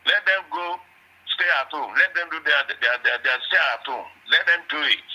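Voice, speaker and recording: A man's voice: fairly high pitch, moderate pace, pushed and bright, poor audio. A man calling in to a radio phone-in over the phone, speaking in an emphatic, repetitive, heated way. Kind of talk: phone-in call.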